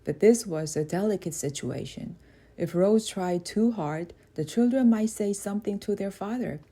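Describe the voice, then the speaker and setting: Woman, audiobook narrator, mellow warm tone, calm steady read-aloud. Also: medium pitch, normal speed. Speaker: audiobook reader. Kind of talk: storybook narration.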